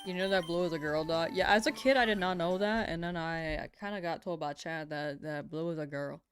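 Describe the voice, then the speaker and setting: Chill young woman streamer, lowish voice, giggly, faint game music behind. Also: fairly quick. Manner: laid-back, giggly, chatting with viewers while hunting in a game. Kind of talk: casual live-stream chat.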